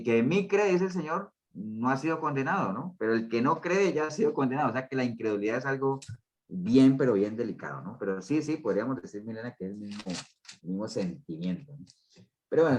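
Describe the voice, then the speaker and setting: A man's voice: mid-range voice, a little mellow. A man leading a group Bible study in an easygoing, conversational way. He keeps turning to his listeners with little tag questions. His phrasing often restarts mid-sentence. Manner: talks in loose, restarting phrases.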